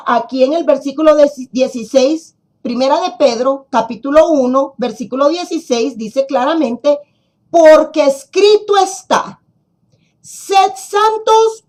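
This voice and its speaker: Brief: woman congregation teacher, high voice, unhurried Bible lesson, leans on key phrases. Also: darkish tone. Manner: slow, deliberate, repeats and stresses key words.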